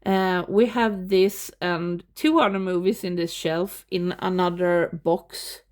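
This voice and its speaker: A Swedish woman with a Swedish accent gives a relaxed show-and-tell of her film collection at home. She talks slowly and unhurriedly in a fairly low voice, and she laughs often between remarks. Her first language is Swedish, though she speaks English here. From Sweden. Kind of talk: casual show-and-tell vlog. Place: home room with movie shelves.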